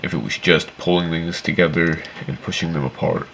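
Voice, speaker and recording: A man's voice: deep voice, fairly even intonation, fairly quick, vocal fry, a bit bright, slight background noise. A man giving casual, opinionated game commentary in a rambling, sweary, complaining way. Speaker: video game reviewer.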